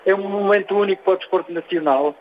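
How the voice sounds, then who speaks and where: A man with a European Portuguese accent giving halting, spontaneous interview remarks as a federation official, repeating words as he goes. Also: sits high. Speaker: sports federation president being interviewed. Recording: dull, noisy lo-fi radio interview line.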